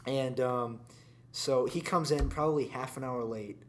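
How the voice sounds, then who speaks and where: A man's voice: medium pitch, unhurried, slight background noise. A man co-hosting a podcast, telling a story in a rambling casual way with lots of fillers and restarts. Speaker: podcast co-host. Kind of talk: casual chat.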